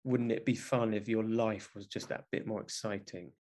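A young man with a South London accent talks in a casual interview. His voice sits a bit low. He is informal and blunt, with a self-deprecating streak. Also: steady tone, normal speed, heavy background noise. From South London, England. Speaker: podcast guest, theatre director.

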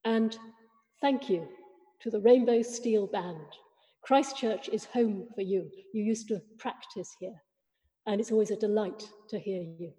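A woman vicar leading a church service in a measured, formal liturgical manner, her voice ringing with a long cathedral echo. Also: mid-range voice, dark tone. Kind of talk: liturgy and welcome notices.

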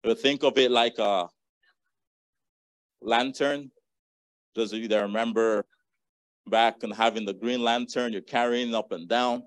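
A man's voice: medium pitch, steady tone, a little slow, long pauses, no room sound. Man preaching an earnest sermon. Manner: earnest preaching, reading and repeating scripture verses.

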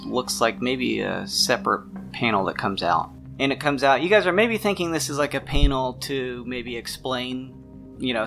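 Over background music, a man acting as game master narrates a tabletop mystery game, conversational and descriptive. His medium-pitched voice has vocal fry and sounds pushed and bright.

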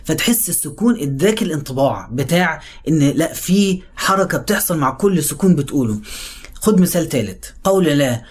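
A man with an Egyptian accent explaining how to read the Quran, talking quickly and then slowly drawing out the example words. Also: a little high, very animated, slightly rough. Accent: Egyptian Arabic. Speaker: religious teacher. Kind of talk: explanatory talk on Quran recitation.

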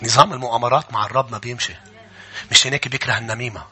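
A man with a Levantine Arabic accent preaching a sermon to a live congregation in a church. He moves from chatty asides to fervent shouting and calls on the congregation to answer him. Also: medium pitch, fairly even intonation, racing, husky. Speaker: pastor.

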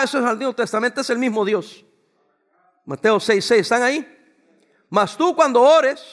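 Male pastor, high-pitched, call-and-response sermon delivery. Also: vocal fry, fairly bright tone. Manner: call-and-response preaching, asks congregation to finish lines. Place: church before a congregation.

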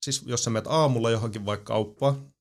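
A man in a casual gaming chat, talking enthusiastically in rambling sentences with restarts. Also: medium pitch. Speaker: podcast co-host.

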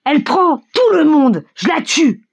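A woman shouting as an enraged drunk peasant. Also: sing-song, unhurried, muffled recording, exaggerated voice. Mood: drunken rage. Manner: shrill yelling. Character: drunk, furious male peasant cart owner.

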